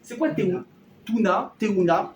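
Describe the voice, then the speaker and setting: A man teaching a lively Torah class to a live audience, acting out everyday dialogues and firing questions at his listeners. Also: sits high, unhurried, a crowd in the background. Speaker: rabbi teaching a weekly class. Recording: roomy hall, mic at a distance, faint noise.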